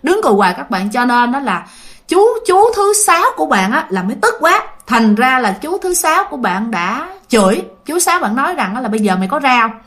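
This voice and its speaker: A woman's voice: high-pitched, very animated, brisk, fairly bright tone. A woman with a Southern Vietnamese accent casually telling a ghost story, chatting directly to her listeners.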